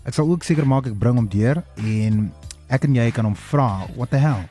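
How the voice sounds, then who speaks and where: A man's voice: medium pitch, moderate pace, mellow. A South African man hosting a radio phone-in, switching between two languages in an impassioned, direct way and asking rhetorical questions. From South Africa, Free State. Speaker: radio host. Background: music.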